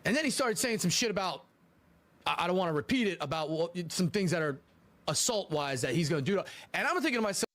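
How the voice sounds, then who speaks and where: A man's voice: sits high, expressive, fast, a bit bright. A man telling a casual story from a streaming clip, rambling and repeating himself, stumbling over his words.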